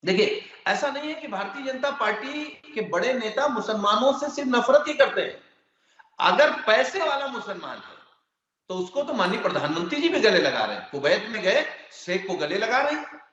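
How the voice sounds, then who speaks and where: A man's voice: sits high, big pitch swings, normal speed, a bit bright. A man arguing as an opposition guest in a televised political debate, building his points through repeated lists. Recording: very echoey, dull remote feed.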